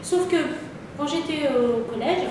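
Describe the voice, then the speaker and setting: A middle-aged woman speaks in a fairly high voice, earnest and halting, with frequent pauses and restarts. She sounds far from the mic in a very echoey room. Steady background noise runs underneath. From France. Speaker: interviewee. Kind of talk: personal testimony in conversation.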